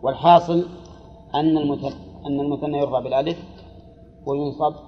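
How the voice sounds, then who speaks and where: Male teacher giving a grammar class, deliberate and repetitive, dull recording with a long echo. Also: fairly high pitch, fairly even intonation. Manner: deliberate, repeats phrases slowly, questions students. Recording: dull lo-fi recording with long hall reverb and faint noise.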